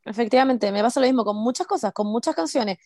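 A woman's voice: a little high, fast, mellow, no echo, studio quality. A young woman with a Chilean accent chatting casually as a podcast host, swearing bluntly and dropping English into slangy Spanish. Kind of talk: casual chat.

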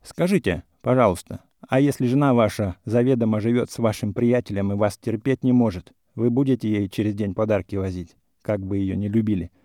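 A man voicing a sharp-tongued, mocking young woman in a classic story reading, with an ironic, teasing manner. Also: on the low side, steady tone, brisk, hardly any pauses, no echo, clean studio sound, lightly acted. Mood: scornful. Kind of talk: audiobook character reading.

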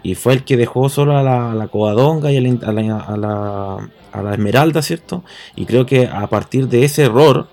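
A man's voice: medium pitch, moderate pace, gravelly, hardly any pauses, a little mellow. A man with a Chilean accent explaining history in casual talk, often checking agreement with tag questions. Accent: Chilean Spanish.

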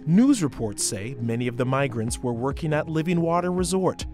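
Measured male news host. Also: medium pitch, expressive, over music. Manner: measured, formal questioning. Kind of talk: news narration and interview.

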